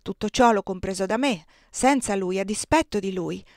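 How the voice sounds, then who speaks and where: A woman's voice: medium pitch, moderate pace, darkish tone, no room sound, natural voice. A woman reading the part of an enslaved young husband who speaks grimly and bitterly about his master, in a dry, close audiobook recording. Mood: bitter, indignant.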